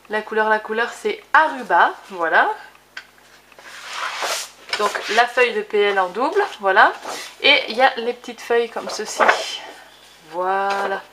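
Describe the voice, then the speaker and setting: A woman's voice: mid-range voice, fairly bright tone, slight background noise. A woman hosting a casual scrapbooking tutorial, chatty with many fillers as she shows her papers. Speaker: crafting video host.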